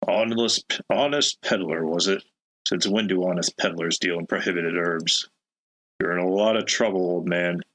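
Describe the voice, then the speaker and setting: A man's voice: low voice, moderate pace, fairly bright tone. A man voicing a stern, threatening male guard officer who talks in a sneering way. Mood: menacing. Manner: menacing, sneering.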